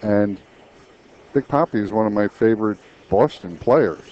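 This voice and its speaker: A man's voice: lowish voice, moderate pace. A man commentating a pool match in a chatty way, explaining shots with frequent restarts. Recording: dull lo-fi stream audio with faint noise.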